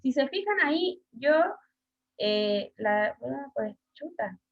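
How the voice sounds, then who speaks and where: Chilean teacher on a video call. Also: female voice, fairly high pitch, lively intonation, takes it slowly, creaky. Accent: Chilean Spanish. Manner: hesitant, many fillers, asks pupils questions. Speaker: schoolteacher. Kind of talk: online class lesson. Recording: dull lo-fi video call audio.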